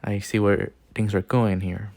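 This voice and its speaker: A man's voice: lowish voice, flat delivery, measured pace, creaky, very noisy. A man hosting a reaction video, chatting casually and laughing often between comments. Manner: chuckles often, loose and joking. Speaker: host of a railfan video reaction channel.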